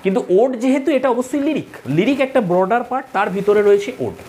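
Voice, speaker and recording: Speaking in an extremely high, expressive, darkish voice and a little fast, a male literature tutor walks exam students through the material step by step. He repeats key points and tells them directly to take notes, over a little hiss or hum.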